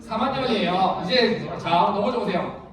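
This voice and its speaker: A very high-pitched man leads a children's sermon at a church retreat, calling kids by name and firing questions at them. He is heard from some distance in a big, booming hall, with a crowd of children behind him. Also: expressive, moderate pace. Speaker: youth ministry pastor. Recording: echoey hall, far from the mic, children's crowd.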